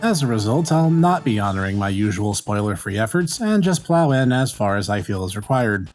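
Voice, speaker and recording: A man's voice: fairly low pitch, big pitch swings, brisk, faint music behind. A man hosting a video game review, reading scripted comic narration in a dry, sarcastic way.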